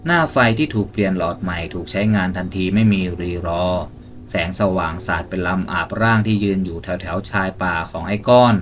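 A man with a lowish voice tells a horror tale in a steady, suspenseful way. His delivery is measured and scripted, building dread line by line. It suits a spoken ghost-story channel.

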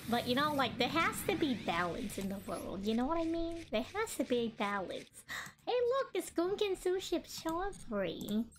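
A woman's voice: sits high, big pitch swings, normal speed, a little hiss or hum. A woman streaming a card game, chatting casually and bubbly, laughing often and talking while she eats.

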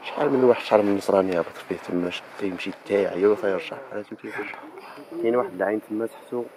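A man's voice: fairly low pitch, very fast, a crowd in the background. A young man with a Moroccan Arabic accent chatting on a mountain trail and explaining a local spot, with lots of fillers, filmed on a phone at arm's length. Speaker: vlogger and hiker. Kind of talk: casual explaining on a hike.

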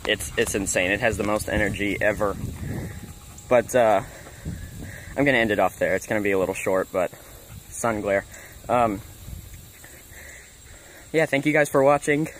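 A man with a somewhat low voice films a casual update for his stream viewers. He talks haltingly, full of ums and restarts. Faint outdoor noise sits behind his phone recording. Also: a bit bright. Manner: halting, many fillers. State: out of breath.

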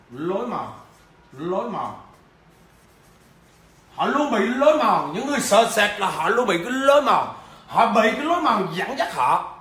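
A man's voice: extremely high pitch, fairly bright tone, slight background noise. A man, a business trainer, giving a livestreamed lecture; he stammers at times and keeps checking in with viewers through questions.

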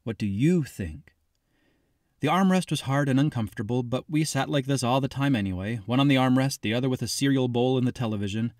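A man's voice: medium pitch, fast talker, few pauses, a little mellow, no echo, clean studio sound. A man narrating a first-person audiobook in a reflective, confiding way. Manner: reflective, confiding, addressing the listener as "you".

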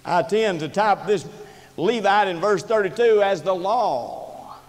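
A man preaching in a church, his high voice swinging between fervent peaks and hushed drops. The sound rings with a long church reverb. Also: measured pace. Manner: impassioned preaching that rises and drops sharply in pitch and loudness. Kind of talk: sermon. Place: church sanctuary. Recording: reverberant church hall recording.

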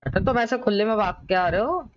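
A young man chatting excitedly and joking with friends during an online shooter game. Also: high voice, a little fast, background noise. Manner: excited, pleading, joking banter. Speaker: gamer. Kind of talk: casual gaming chat. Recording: dull lo-fi voice chat.

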